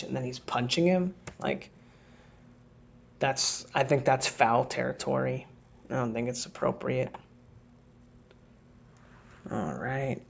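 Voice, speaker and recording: Gravelly man breaking down fight footage. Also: mid-range voice, darkish tone. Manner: thinks aloud, reacts to replays with exclamations. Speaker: boxing analyst. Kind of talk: casual fight breakdown commentary.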